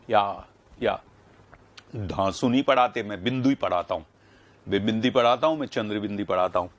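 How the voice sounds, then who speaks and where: A middle-aged man teaching Hindi spelling in a live online class, correcting and praising students by name. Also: mid-range voice. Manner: animated, stresses words loudly when correcting, praises students often.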